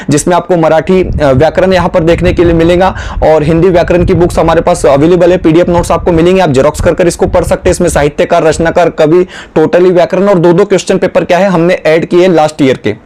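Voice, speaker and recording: A man's voice: sits high, warm tone. A man teaching an exam-prep lesson to students, explaining step by step and often slipping in filler phrases.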